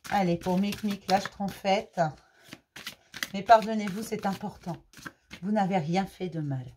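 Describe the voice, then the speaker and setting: A woman's voice: mid-range voice, fairly even intonation, measured pace, darkish tone, slight background noise. A woman giving a casual spoken card reading as host, talking directly to listeners in an informal, reassuring way.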